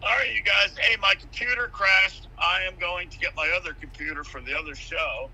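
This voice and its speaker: A man's voice: high-pitched, fairly even intonation, fairly quick, pushed and bright, breathy edge. A man co-hosting a live racing show, his voice replayed from a phone held up to a speaker. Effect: voice coming from a phone held up to a speaker. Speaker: co-host of a racing talk show. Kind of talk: casual live-stream chat. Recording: re-recorded through a speaker, distant.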